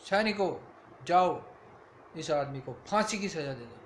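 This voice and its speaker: A man voicing a foolish male king who shouts orders to his soldiers in a bedtime story. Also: on the high side, animated, a little fast, reverberant, a little hiss or hum, natural voice. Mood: commanding. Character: foolish boastful male king, loud commands.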